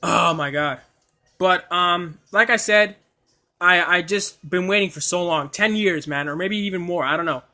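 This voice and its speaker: Excitable stammering young-sounding man. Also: high voice, moderate pace. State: coughing at times. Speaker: anime streamer. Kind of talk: casual livestream chat.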